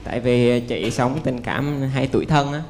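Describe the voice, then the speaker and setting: A man's voice: mid-range voice, moderate pace, a little mellow, a little hiss or hum. A young man, the contestant's younger brother, speaking hesitantly and politely about his sister. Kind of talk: introduction to the show.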